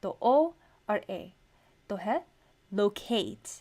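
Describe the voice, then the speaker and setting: Woman teaching english vowels super slow, says each sound twice. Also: mid-range voice. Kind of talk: pronunciation lesson.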